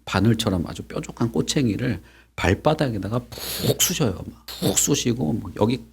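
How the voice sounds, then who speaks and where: A middle-aged man preaching to children at Sunday school, telling the story with lively questions and acted-out lines. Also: medium pitch, vocal fry, breathy edge. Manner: animated, acts out quotes, asks children questions. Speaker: pastor teaching Sunday school.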